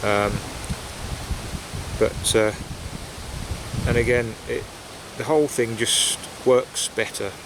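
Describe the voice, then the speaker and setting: In the woods, a man vlogging with his pipe takes his time, pausing often as he talks in a steady, medium-pitched voice. His relaxed, reflective chat is hesitant and wanders. Basic gear records outdoor wind noise and rustling leaves.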